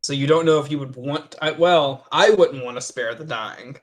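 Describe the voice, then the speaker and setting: A man narrating as game master of a tabletop game, talking haltingly with many fillers and restarts. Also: medium pitch.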